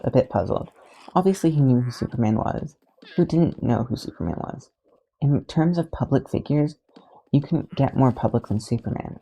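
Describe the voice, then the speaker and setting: A podfic reader narrating fan fiction in an even, steady read. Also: medium pitch, creaky, slightly rough, poor audio.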